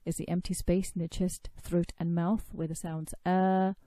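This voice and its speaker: A woman's voice: fairly low pitch, flat delivery, moderate pace, mellow, no room sound. A woman giving a recorded lesson on pronouncing sacred recitation, patiently explaining and demonstrating sounds by drawing out long vowels. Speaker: tajweed teacher.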